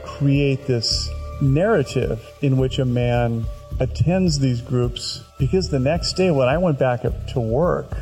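A man's voice: mid-range voice, slow, a little mellow, poor audio. A man, an author, telling wry personal anecdotes and acting out the remarks he quotes. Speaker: author telling the story behind a novel. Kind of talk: anecdotal storytelling. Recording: music laid under the voice. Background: background music.

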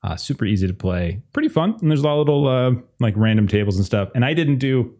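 A man's voice: mid-range voice, expressive, quick pace, dark tone. A man narrating as game master, easygoing and rambling, with many fillers and restarts.

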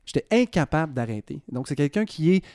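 Man, quebec french accent, podcast columnist, playful ironic chat, a bit high, mellow tone. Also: big pitch swings, a little fast, no echo, clean studio sound. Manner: playful, ironic, wandering asides. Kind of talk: casual chronicle chat.

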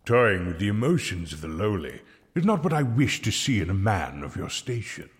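An actor playing a kindly, wry medieval friar who speaks in a measured, pastoral, gently reproving way in an audio drama. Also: male voice, lowish voice, big pitch swings. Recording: long reverberant hall.

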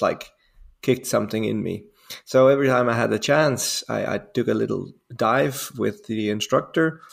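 A gravelly, low-leaning male voice belongs to a diving instructor in his forties, a native Dutch speaker from the Netherlands, who is a guest on a casual podcast interview. He tells meandering stories, laughing at himself and using plenty of fillers.

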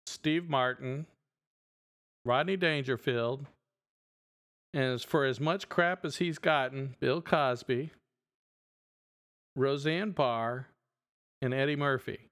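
A middle-aged man talking casually on a podcast, loose and rambling, full of ums and you-knows. His voice sits at an ordinary pitch for a man. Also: slow, long pauses. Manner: relaxed, rambling, many fillers. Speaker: podcast co-host. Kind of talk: casual chat.

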